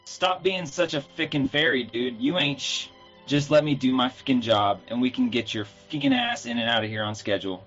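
A man voicing a gruff male spirit guide with a robotic, metallic voice, who switches between solemn pronouncements and crude slang. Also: medium pitch, very animated, a little fast, fairly bright tone, dull audio, soft background music. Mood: impatient.

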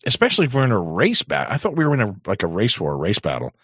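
A middle-aged man with a hoarse throat hosting an on-air show, rambling and swearing, often clearing his throat. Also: lowish voice, wildly swooping pitch, very fast, fairly bright tone, no room sound. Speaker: show host. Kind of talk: casual on-air monologue. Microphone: studio microphone. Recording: dry, dull lo-fi mic.

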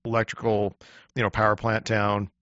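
A man's voice: lowish voice, completely flat delivery, normal speed, a bit bright, no room sound. A man in his forties from Washington State, a guest talking in casual conversation with many fillers. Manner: chatty, many "you know" fillers. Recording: dull, dry lo-fi sound.

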